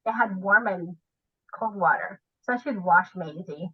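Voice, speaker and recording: A woman's voice: medium pitch, a little slow, breathy edge, muffled recording. A woman guest on a podcast chatting casually about grooming dogs, telling her stories animatedly and acting out the voices of the people she quotes. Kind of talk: casual storytelling chat.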